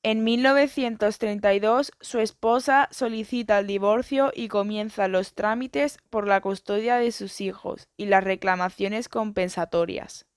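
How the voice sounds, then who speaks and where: A woman reading an educational biography and book summaries in a steady, even narration. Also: medium pitch, a little slow, hardly any pauses, clean tone, dry recording, clean studio sound.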